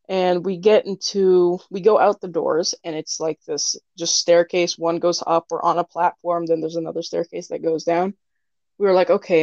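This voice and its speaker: A woman's voice: lowish voice, a little mellow, no echo. A young woman co-hosting a podcast, telling a story in a casual, giggly way with mocking quoted voices. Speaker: podcast co-host. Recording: dry, dull lo-fi sound.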